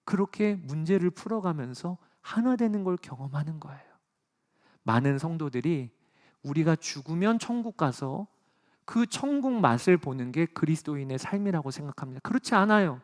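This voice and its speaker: A middle-aged man preaches a sermon in a fairly high voice. He tells personal stories with earnest warmth of conviction, climbing to loud, emphatic peaks and then dropping back to soft, hushed lines. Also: very animated, moderate pace. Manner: earnest, personal storytelling from the pulpit. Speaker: pastor.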